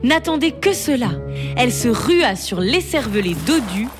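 A woman storyteller reading a bedtime fable aloud in a slow, expressive way. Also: a little high, music in the background.

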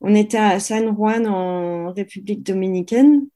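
Warm, dark-voiced French woman telling stories. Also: medium pitch, unhurried. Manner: lively storyteller with many fillers and restarts. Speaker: interview guest, sports photographer. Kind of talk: casual anecdote telling.

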